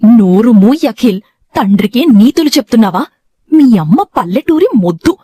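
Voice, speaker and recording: A woman's voice: mid-range voice, big pitch swings, fairly quick, husky, pitched above the performer's own voice. A woman voicing an arrogant, cruel husband. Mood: contemptuous. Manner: shouting, contemptuous.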